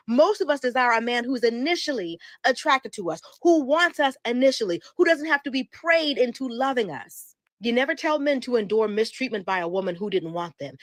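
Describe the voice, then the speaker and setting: A woman's voice: on the high side, fairly bright tone, dry recording. A woman delivering an emphatic opinion monologue with pointed, rhetorical repetition.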